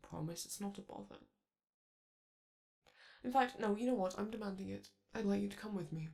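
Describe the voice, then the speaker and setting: In a romantic audio roleplay, a performer plays a flamboyant male robot TV star who is vain and charming, speaking theatrically and flirting with the listener in a fond mood. The voice is mid-range, fairly quick, creaky and a little mellow, close to everyday speech.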